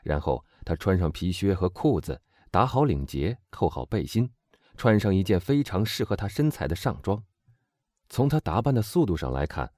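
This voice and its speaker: A man narrating a classic novel as an audiobook reader, measured and expressive. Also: sits low, dry recording, clean studio sound. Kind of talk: scripted narration.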